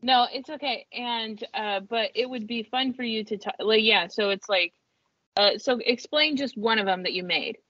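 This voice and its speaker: A woman's voice: on the high side, normal speed, pushed and bright, dull audio. A woman co-hosting a podcast interview, casual and a bit hesitant. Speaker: podcast co-host.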